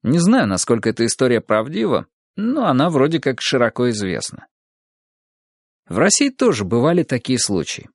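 Lively male audiobook narrator. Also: mid-range voice, normal speed, no echo, clean studio sound. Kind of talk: first-person audiobook narration.

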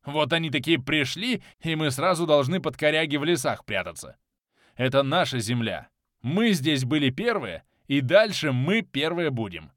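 A man's voice: a little high, big pitch swings, normal speed, a bit bright, dry recording, clean studio sound. A man doing a boastful menacing clan leader.

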